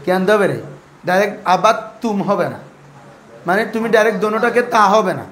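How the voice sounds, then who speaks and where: A man's voice: sits high, steady tone, fast talker, a bit bright. A man teaching a class of pupils, asking them questions over and over and having them answer back. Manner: quizzing, repeats questions and has pupils answer. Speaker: teacher of Arabic grammar and Quran recitation rules.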